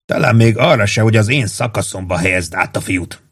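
Guy doing a touchy army sergeant, shouty and indignant, low husky voice pushed up high. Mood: sulky. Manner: shouting, indignant, raised pitch.

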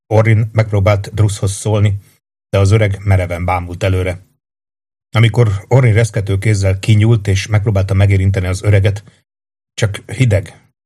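A man narrating a fantasy audiobook in a steady, measured reading. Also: on the low side, husky.

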